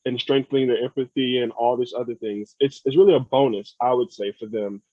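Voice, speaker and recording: On a dry, phone-like recording, a young man from the United States talks as a podcast guest in a relaxed conversation. His mid-range voice moves a little fast, and he tends to repeat words while thinking, keeping an earnest, reflective tone.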